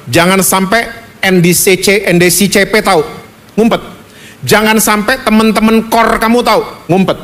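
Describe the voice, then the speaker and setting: A man's voice: high-pitched, steady tone, normal speed, a bit bright. A male preacher voicing a sly devil who coaxes people to hide and pretend. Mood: coaxing. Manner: coaxing, urging to hide. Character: whispering tempter devil, sly and coaxing.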